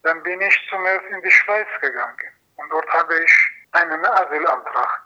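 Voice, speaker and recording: A man giving a personal testimony as an asylum seeker, in halting, phrasing with frequent restarts. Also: a little high, pushed and bright. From Iran. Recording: dull lo-fi recording.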